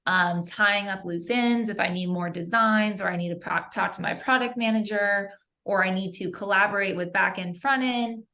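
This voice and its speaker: A woman, a software engineer, talking through her workday in a chatty, upbeat way with students on a panel. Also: mid-range voice, normal speed. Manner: upbeat, chatty, many "like" and "you know" fillers. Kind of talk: casual panel talk with students.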